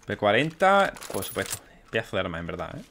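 A young man doing let's play commentary, excitable and swearing as he plays. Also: fairly low pitch, fast talker, a little hiss or hum. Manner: excitable, swears often, exclaims mid-game. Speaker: gaming YouTuber.

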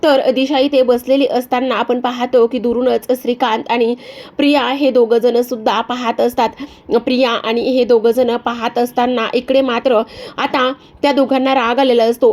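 A woman's voice: fairly high pitch, moderate pace. Woman narrating a serial recap. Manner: steady narrating, addresses viewers. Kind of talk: retelling a TV serial episode.

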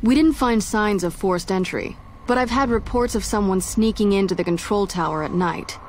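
A female military police officer voiced by an actress speaks in dry game dialogue at a medium pitch. She is no-nonsense, wry and matter-of-fact. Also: normal speed, slight background noise, natural voice.

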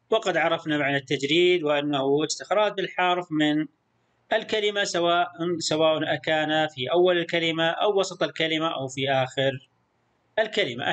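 In this recorded lesson, a male primary school teacher whose voice is on the high side and a bit bright takes a patient approach. He says sounds over slowly and frequently praises his pupils.

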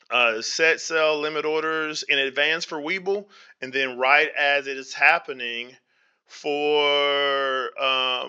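Narrating over a screen recording, a channel host guides viewers through a tutorial, speaking right to them and frequently checking whether they can hear him. His rather high voice is slightly hoarse, very bright and tense, with gravelly vocal fry, and he slips into preacher-style talk about faith. The audio is dull and lo-fi.

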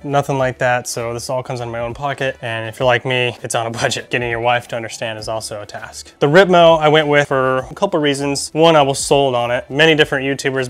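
A man chats through a casual vlog at home, eager and talkative, tossing in plenty of fillers as he goes. His voice sits at an ordinary middle pitch. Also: fairly bright tone. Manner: enthusiastic and chatty, with frequent fillers. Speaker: mountain bike vlogger. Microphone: shotgun or wireless mic.

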